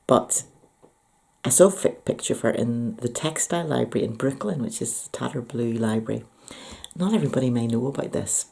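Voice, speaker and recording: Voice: medium pitch, gravelly, dark tone. A speaker with a Northern Irish accent talking casually to viewers about books in a reflective, enthusiastic way. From Northern Ireland. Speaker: book and poetry vlogger. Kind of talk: casual book review talk to viewers.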